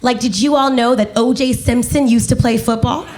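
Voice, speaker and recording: A woman in her twenties performing a stand-up comedy set on a club stage, animated and acting out other people's voices. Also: a little high, normal speed, very noisy.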